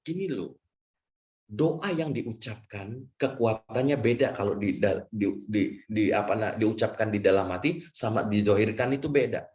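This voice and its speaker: A man's voice: on the low side, a little slow, darkish tone. A man giving a conversational religious health lecture, chatty and full of tag questions, who acts out a patient's prayers as he teaches. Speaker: lecturer on prophetic medicine.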